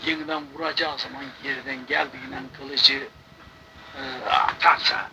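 An older man, a Sufi sheikh, tells religious stories in an impassioned sermon, now and then breaking into loud cries and chanted invocations. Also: medium pitch, level tone, moderate pace. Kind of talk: religious storytelling talk. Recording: noisy recording.

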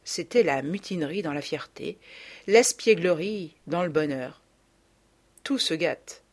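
A woman reading a literary novel aloud as an expressive audiobook narration. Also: deep voice, measured pace. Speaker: audiobook reader.

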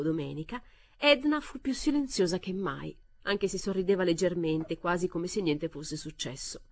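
Story narrator, woman, low voice, measured expressive reading, dry studio sound. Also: no room sound. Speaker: reader. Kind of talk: audiobook reading of a short story.

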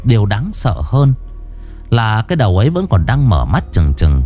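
A man narrating a ghost story in the first person, dramatic and expressive, dwelling on grim details. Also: fairly low pitch, normal speed, soft background music.

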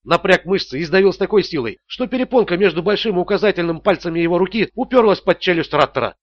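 A man narrating a thriller audiobook in a steady, measured way. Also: sits high, no room sound, highs cut off.

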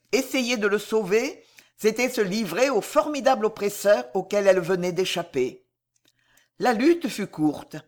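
A woman narrating a historical novel as an audiobook, in an expressive, dramatic reading. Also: medium pitch.

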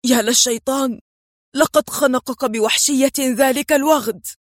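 A furious male villain boss shouts in anger and disbelief, his voice pushed high, as a woman narrator acts him out. The audiobook is dry and close. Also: normal speed, no room sound.

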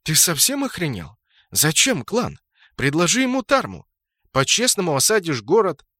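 A man's voice: medium pitch, big pitch swings, moderate pace, sharp tone, no echo, clean studio sound, voice pushed up. A man voicing an angry, exasperated male game admin who scolds and swears. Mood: irritated, scolding. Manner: scolding and irritated.

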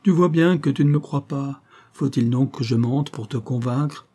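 A man's voice: mid-range voice, normal speed, dark tone, lightly acted. A man voicing an anguished young woman defending herself to her lover in an audiobook, in urgent, pleading sentences. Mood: defensive.

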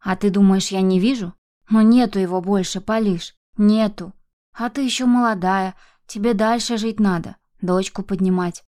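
A woman's voice: medium pitch, steady tone, normal speed, dark tone, close to an everyday voice. A woman voicing an anxious old grandmother who scolds and laments over her granddaughter. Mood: pleading, indignant. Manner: agitated, lamenting, exclamatory.

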